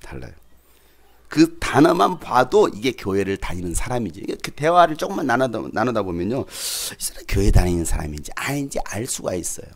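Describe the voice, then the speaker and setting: Man, pastor, sermon, animated, questions the congregation, wide pitch swings. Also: fairly quick. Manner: animated, asks the congregation questions and acts out quotes.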